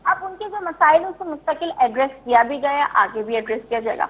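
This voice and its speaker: Woman politician from Karachi, talk-show guest; high, bright and insistent. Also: lively intonation, fairly quick, low-quality recording. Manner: insistent, repeats points for emphasis.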